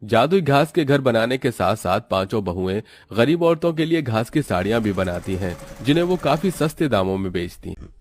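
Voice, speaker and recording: A man narrating a cartoon story in a steady, explanatory storytelling manner. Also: mid-range voice, moderate pace, a little hiss or hum.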